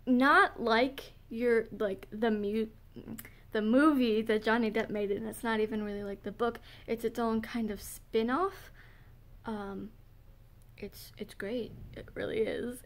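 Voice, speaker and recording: A young woman chatting casually in a vlog, giggling often and filling pauses with "um", and she says she is losing her voice. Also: on the high side. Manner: giggly, filler-heavy, gushing. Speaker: vlogger. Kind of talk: casual chat.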